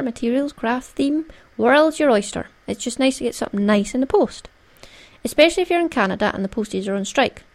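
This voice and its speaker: A woman's voice: on the high side, gravelly. A Scottish woman hosting a solo craft podcast in a playful, conversational, jokey way. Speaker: podcast host.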